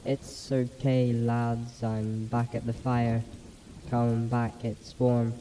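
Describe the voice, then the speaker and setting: A man doing a thing in the woods that mimics a young man's voice, calm in a way that feels wrong, its cadence robotic. The voice sits far from the mic and sounds dark and mellow. Faint rain patters behind it. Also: mid-range voice, slow, slight background noise, pitched above the performer's own voice, natural voice. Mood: eerily calm.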